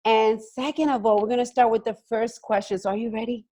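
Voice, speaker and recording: A woman's voice: on the high side, fairly even intonation, brisk, dark tone. A woman hosting an interview over a video call, chatty and enthusiastic. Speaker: host. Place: home, joining by video call.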